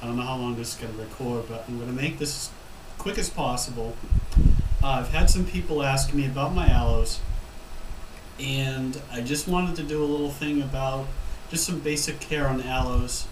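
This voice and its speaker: A gardening vlogger, stuffed up from a head cold, talks casually to camera on a windy patio. His mid-range voice moves at a moderate pace, rambling and self-correcting with frequent ums. The camera mic sits a few feet away, giving roomy, distant audio with wind noise.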